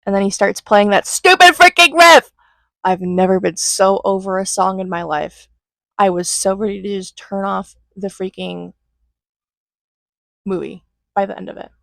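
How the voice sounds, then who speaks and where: A young woman recapping a movie in casual, flippant commentary, acting out lines in quick put-on voices. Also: mid-range voice, vocal fry, a bit bright, dry recording, low-quality recording. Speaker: movie reviewer.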